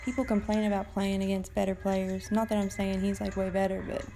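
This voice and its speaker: A woman's voice: mid-range voice, level tone, fairly quick, gravelly, warm tone, faint music behind. A woman casually chatting and commenting while livestreaming a mobile game, rambling and swearing now and then, her voice tired late at night. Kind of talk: casual live gameplay commentary.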